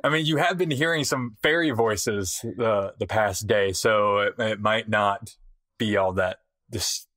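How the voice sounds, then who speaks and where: A man acting as game master, narrating a tabletop game in a relaxed, hesitant way. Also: lowish voice, unhurried, no echo, clean studio sound. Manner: relaxed, hesitant, many fillers.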